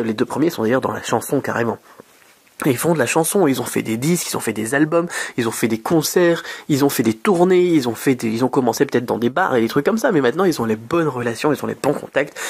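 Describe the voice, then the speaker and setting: Husky-voiced man from France, talkative advice host, lots of fillers. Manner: chatty, many fillers and restarts, lively pitch jumps. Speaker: YouTube host. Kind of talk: casual advice monologue.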